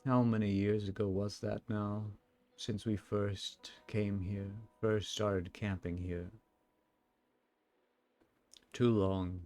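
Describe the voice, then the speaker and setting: A man playing a calm, wistful ancient sun champion, speaking slowly and solemnly in a live role-play. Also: fairly low pitch. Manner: slow, reflective, solemn storytelling.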